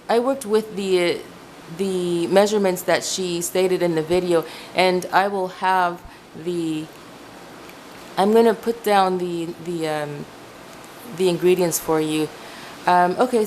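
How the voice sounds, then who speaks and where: An Ecuadorian home cooking vlogger, a native Spanish speaker, chats and rambles casually while laying out ingredients in her kitchen, often correcting herself. Her voice is medium-pitched and darkish, caught off screen by a camera mic in a low-quality recording with slight background noise.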